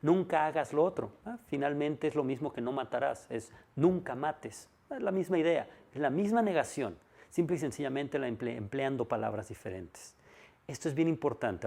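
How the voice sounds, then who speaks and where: Gravelly-voiced man lecturing emphatically. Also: medium pitch, expressive, brisk, darkish tone. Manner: emphatic, repeats key points, asks rhetorical questions. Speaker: speaker on personal development. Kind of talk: monologue lecture.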